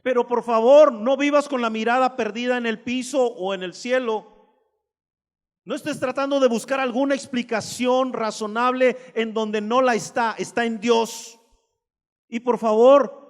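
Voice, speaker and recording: Male preacher with a very high voice, emphatic and direct with the congregation, recorded in a reverberant hall. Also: measured pace. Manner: emphatic, addresses listeners directly with rhetorical questions. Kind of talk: sermon.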